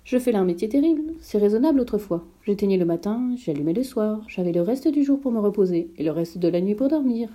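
A woman's voice: mid-range voice, animated, fast talker, few pauses, warm tone, close to an everyday voice. A woman reading aloud and voicing a tired, dutiful male lamplighter who complains about his endless work. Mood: weary, resigned.

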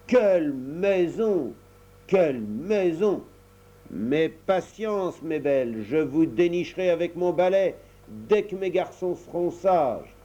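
A man's voice: on the high side, animated, slow, mellow, pitched above the performer's own voice. A man voicing a fretful old mother of twelve boys, in a storybook reading. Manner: exasperated, lamenting. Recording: dull lo-fi recording.

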